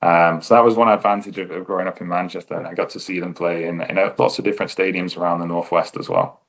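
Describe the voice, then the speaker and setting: A man's voice: deep voice, steady tone, fast, fairly bright tone. An English man as a podcast guest, talking in a thoughtful, easygoing way with fillers and restarts. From England. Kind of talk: casual interview chat.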